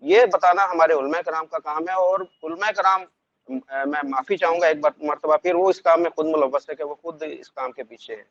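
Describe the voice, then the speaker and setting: A man talks earnestly in a slightly raised voice, often pausing with hesitations. The recording is dry and dull, with the highs muffled. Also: a bit bright, no echo. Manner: earnest, measured, frequent hesitations. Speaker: guest from Pakistan. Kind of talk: conversational discussion.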